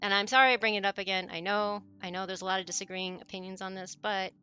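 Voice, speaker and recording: A woman's voice: medium pitch, steady tone, fast talker, pushed and bright, clear, resonant tone. A woman live streamer talking casually to her chat in a rambling, conversational way. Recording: music playing behind the voice. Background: background music.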